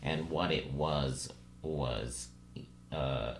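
On a casual podcast, a male co-host thinks out loud, hedging and frequently checking in with "you know" and "right?" He draws out his words in a creaky voice, and the audio carries a roomy echo plus a low hum and hiss.

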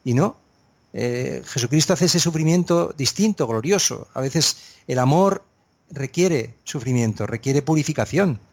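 A man's voice: mid-range voice, animated, measured pace, vocal fry, darkish tone. Hesitant, reflective man on faith. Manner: thoughtful, hesitant with many fillers and restarts. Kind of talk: reflective conversational preaching.

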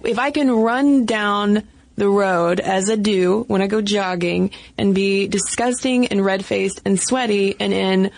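Woman co-host, creaky voice, dry sound, chatty and hesitant. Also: medium pitch, no room sound. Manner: thinking aloud, hesitant with restarts, chatty. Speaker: podcast co-host. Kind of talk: casual podcast discussion.

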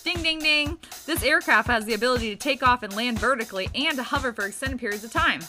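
A woman's voice: a little high, fast, pushed and bright, faint music behind. A woman co-hosting a podcast, running a quiz game in an upbeat, teasing way.

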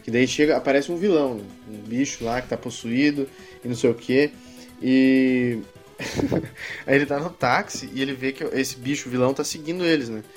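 A man's voice: mid-range voice, normal speed, soft background music. Rambling profane man hosting a podcast. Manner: rambling, slangy and profane, laughing often. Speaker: podcast co-host. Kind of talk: casual film-review chat.

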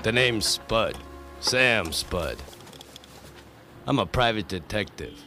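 Low hard-boiled noir detective. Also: male voice, slow pace. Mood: deadpan, hard-boiled. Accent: Mid-Atlantic. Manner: deadpan, hard-boiled delivery. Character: hard-boiled 1940s noir private detective, spoofy and doofy. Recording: TV soundtrack with loud music behind. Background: loud music.

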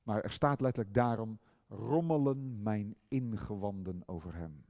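A middle-aged male preacher giving a sermon, swinging from loud emphasis to hushed tenderness and drawing out key words slowly. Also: on the low side, no room sound, studio quality. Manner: slow, drawn-out stress on key words.

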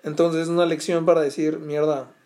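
A man's voice: fairly high pitch, fairly even intonation, moderate pace, vocal fry, dark tone. A young man with a Mexican accent, telling a story to his viewers in casual, slangy talk full of swearing and fillers. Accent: Mexican Spanish. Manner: slangy, swearing, restless retelling with many fillers. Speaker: vlogger.

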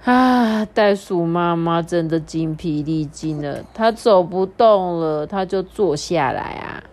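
A young woman hosting a children's story podcast. She tells the story in a playful, animated way and draws out the particles at the ends of her sentences. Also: fairly low pitch, slow. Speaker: storyteller host.

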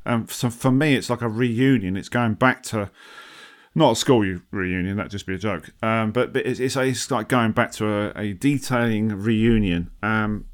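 A man's voice: fairly low pitch, normal speed. Blokey Essex man chatting. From south-east England, Essex. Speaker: podcast co-host. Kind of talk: casual chat. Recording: recorded remotely over online link.

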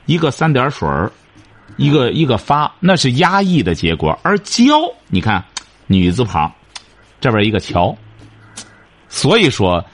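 A man hosting a radio advice show, lecturing a caller in an emphatic, repetitive way. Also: mid-range voice.

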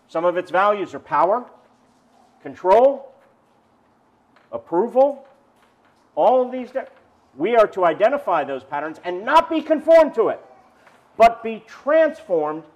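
A male pastor preaching a sermon outdoors, telling stories and asking the congregation questions. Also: high-pitched. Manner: animated storytelling preacher, asks the congregation questions.

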